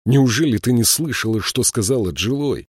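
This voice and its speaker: A man reading the lines of a weary, haunted prince in a slow, grave way. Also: medium pitch, lively intonation, breathy edge, dry recording, studio quality, voice pushed up. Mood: stern.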